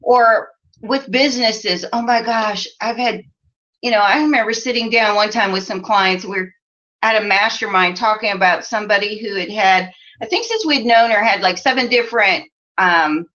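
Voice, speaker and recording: A life coach from the American Midwest, in her forties, hosts a live stream with a bright, somewhat high voice. The sound is muffled and low-fi, and she rambles chattily through viewer comments, laughing often and leaning on "you know."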